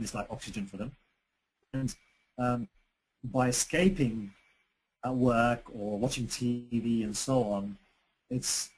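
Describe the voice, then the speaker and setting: On a rough recording from a computer microphone, a man teaches a webinar lesson about relationships. His voice is mid-range with a darkish tone, and he speaks conversationally with plenty of fillers and restarts.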